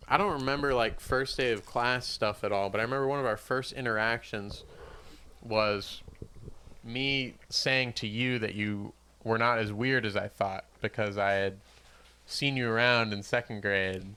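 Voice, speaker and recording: A man in his twenties co-hosts a casual podcast. His voice is bright and forceful, and he joins in eagerly and laughs along easily. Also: on the low side, fairly even intonation, moderate pace, clear, resonant tone. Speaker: podcast co-host. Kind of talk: casual chat.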